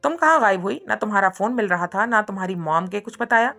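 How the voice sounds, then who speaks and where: A woman voicing an excitable young female friend who asks eager, curious questions in a read-aloud story. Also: medium pitch, moderate pace, creaky, faint music behind.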